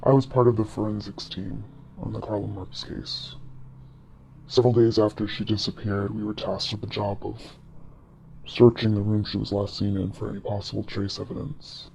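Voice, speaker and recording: A man playing a shaken forensics technician, speaking haltingly with long pauses in a mock documentary interview. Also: fairly low pitch, little pitch movement, gravelly, a little mellow, low-quality recording. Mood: haunted, uneasy. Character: shaken male forensics technician recounting a haunting. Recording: background noise with room ambience.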